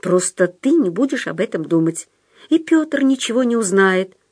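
A woman's voice: very animated, normal speed, a little mellow, breathy edge, no echo, clean studio sound. Woman voicing a scheming, whispering male patient. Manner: low, insistent, conspiratorial.

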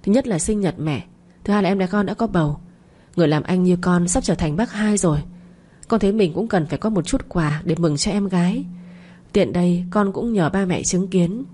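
A woman's voice: on the low side, moderate pace, mellow, lightly acted. A woman voicing a generous elder brother announcing a gift to his sister. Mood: cheerful. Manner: decisive.

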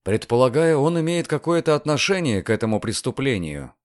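A man voicing a calm, inquisitive young lawyer in an audiobook, measured and probing. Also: medium pitch, no echo, clean studio sound, lightly acted.

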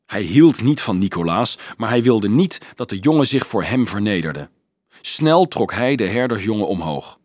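A man reading a children's novel aloud in a lively, expressive storytelling manner. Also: fairly low pitch, moderate pace, no echo, clean studio sound. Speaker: audiobook reader.

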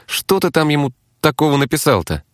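Picture a coy young woman spellcaster in a fantasy audiobook, teasing and purring with a slightly raised, lively voice, as a male narrator puts her on. The sound is dry and close. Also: a little high, brisk, no echo, voice pushed up.

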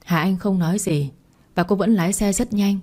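A woman narrating a story in the first person with a steady, plain reading. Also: mid-range voice, normal speed.

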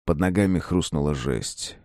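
A man reading a story aloud in an expressive, dramatic narration. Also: rumbling low, moderate pace, dry recording, clean studio sound. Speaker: audiobook narrator. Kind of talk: scripted narration.

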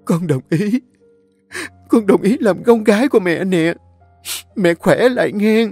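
A man's voice: lowish voice, brisk, warm tone, dry recording, soft background music, natural voice. A man voicing a tearful middle-aged woman. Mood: sobbing. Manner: tearful, choked.

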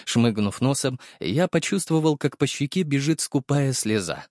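Guy reading an audiobook in first person, wry and expressive, pitch swinging around, dry close sound. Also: normal speed, no echo. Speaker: audiobook narrator.

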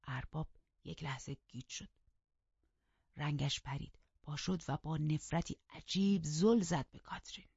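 Woman reading an audiobook, lowish voice, steady storytelling, dry dull sound. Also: creaky, breathy edge, no room sound. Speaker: audiobook narrator. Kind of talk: scripted narration.

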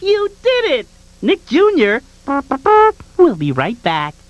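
A woman's voice: fairly high pitch, wildly swooping pitch, takes it slowly, full character voice. A woman voicing a cheerful, giggly cartoon face who jokes and plays with young children. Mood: giggly playful. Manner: giggly, playful, talks to kids. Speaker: kids' channel mascot. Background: music.

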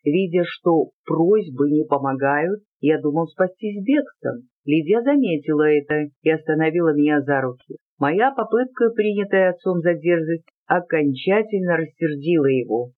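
Man narrating a story over a tinny line. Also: on the high side. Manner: measured first-person storytelling. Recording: tinny phone-like sound.

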